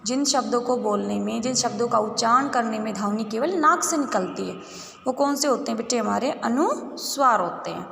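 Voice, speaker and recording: A woman's voice: fairly high pitch, moderate pace, gravelly, a bit bright. A young woman teaching Hindi grammar to young children, patiently asking questions and answering them herself. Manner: patient, asks and answers her own questions, calls pupils "beta". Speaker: school teacher. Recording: roomy echo with faint background noise.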